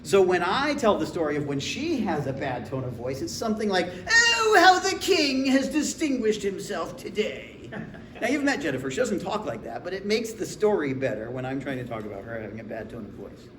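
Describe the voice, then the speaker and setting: A man's voice: medium pitch, big pitch swings, fast, few pauses, background noise. A man in his forties preaching a sermon in a conversational, humorous storytelling way. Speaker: pastor. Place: church sanctuary. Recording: echoey room with faint ambience.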